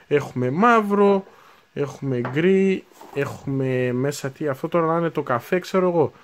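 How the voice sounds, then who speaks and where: A man's voice: fairly high pitch, slight background noise. A man in his twenties chatting casually as he unboxes new hobby supplies, thinking aloud and correcting himself as he goes. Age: 20s. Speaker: unboxing video host.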